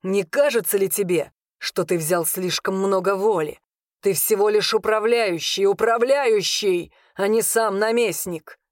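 An arrogant, jealous young dragon lord, voiced by a woman who snaps and shouts scornfully, a bit higher and louder than the reader's plain narration. The audiobook voice is close and dry. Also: moderate pace, dry recording, natural voice.

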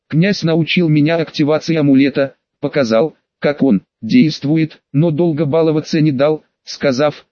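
A man's voice: a little high, dry recording, dull audio. Wry male audiobook narrator. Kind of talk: first-person fantasy narration.

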